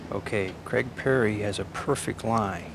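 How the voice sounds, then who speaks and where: A man giving live golf commentary in a measured, analytical way, with short clipped phrases and pauses. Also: on the low side, gravelly. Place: outdoors at a golf tournament. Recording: noisy outdoor broadcast with crowd.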